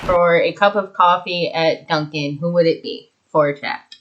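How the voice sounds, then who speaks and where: A woman's voice: on the low side, steady tone, normal speed, lo-fi sound. A young woman co-hosting a podcast, bantering playfully in casual chat. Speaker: podcast co-host.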